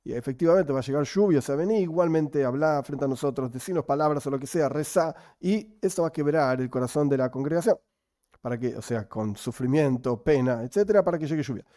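A man teaching a Talmud study class. He reads the Aramaic slowly and then explains it casually. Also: on the high side, mellow, no room sound, clean studio sound.

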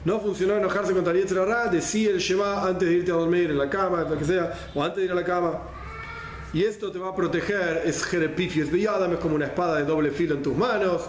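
A man's voice: high voice, fast talker. A man with a Rioplatense Spanish accent giving a Torah class, explaining step by step, repeating phrases and mixing in Hebrew and Yiddish terms. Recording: roomy echo, faint background noise.

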